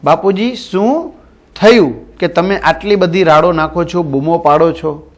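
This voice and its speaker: A man voicing a loud-voiced young daughter who calls out urgently, in a storybook lesson. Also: a little high, measured pace.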